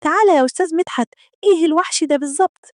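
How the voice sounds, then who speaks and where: A woman voicing a loud, mocking middle-aged female neighbor with an Egyptian accent. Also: expressive, fast talker, dry recording, clean studio sound. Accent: Egyptian Arabic. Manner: shrill, mocking, exclaiming.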